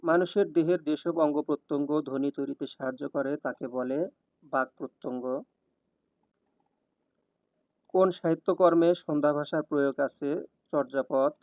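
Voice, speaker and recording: A man with a fairly high voice reads exam questions and their answers in a steady, measured cadence. The sound is thin and phone-like, with a dry, close feel and no room around it. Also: dry recording. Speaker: exam prep tutor. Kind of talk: scripted question-and-answer reading.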